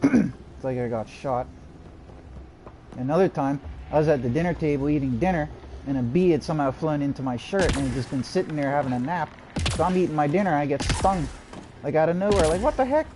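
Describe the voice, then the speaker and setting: A man with a mid-range voice gives live commentary on a game he is streaming. He mutters to himself and drifts into rambling anecdotes. Game sounds and background noise sit clearly behind him. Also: medium pitch, mellow, poor audio. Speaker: gaming streamer.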